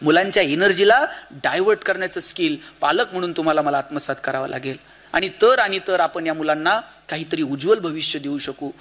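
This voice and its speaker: Animated high-voiced man preaching. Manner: animated, swings from loud exhortation to low emphasis; acts out quoted voices in anecdotes. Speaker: motivational speaker. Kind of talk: kirtan-style motivational talk.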